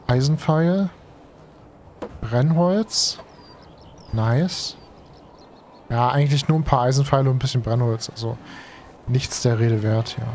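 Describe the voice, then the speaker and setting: Medium in pitch and a little mellow, the voice is a young German streamer's, tired and fighting a cold. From his home streaming room, he gives casual let's play commentary over a headset, slangy and chatty, full of fillers as he thinks aloud, with faint game music underneath.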